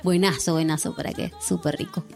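A young Peruvian woman with a Lima accent, talking easily as a guest on an interview show. Her voice sits a little low for a woman, and she laughs readily and keeps checking in with her listener. Faint music plays under the talk. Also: steady tone, brisk, vocal fry, darkish tone. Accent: Peruvian Spanish, Lima. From Peru, born in Lima. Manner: chatty, laughs often, tag questions. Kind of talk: casual interview chat.

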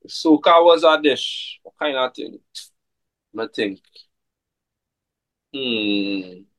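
A man, a soca artist chatting casually in an interview, relaxed and full of fillers. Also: medium pitch, slow pace, no echo, rough recording. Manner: relaxed, laid-back, many fillers like "like" and "you know what I mean".

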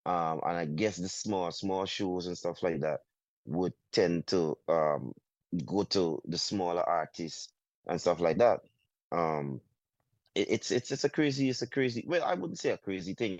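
A man from Guyana with a Guyanese accent, a soca artist talking in a casual interview, halting and full of restarts. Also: deep voice, a little mellow, no echo. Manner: halting, many restarts, drawn-out phrases. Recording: dull, muffled sound.

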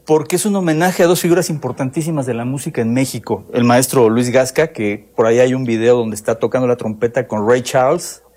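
A man's voice: medium pitch, steady tone, a little fast, few pauses, darkish tone. Enthusiastic male music journalist. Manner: enthusiastic, explanatory. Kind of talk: radio interview.

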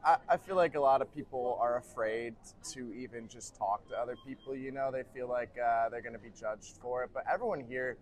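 Young male student, relaxed vox-pop answer, mid-range voice. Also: medium pitch, brisk, few pauses. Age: young adult. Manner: relaxed, loose, with fillers. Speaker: university student. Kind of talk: casual street interview.

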